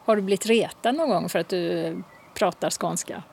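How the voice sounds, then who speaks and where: A woman interviewer asking short, calm questions in a relaxed conversation. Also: on the low side, vocal fry, husky. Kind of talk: radio-style interview questions.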